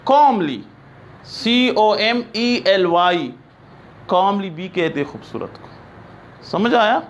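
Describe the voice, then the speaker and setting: A man teaching an English grammar lesson, reading example sentences slowly and often checking that his students understand. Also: high voice, animated, slight background noise. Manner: explains in Urdu, reads English examples slowly.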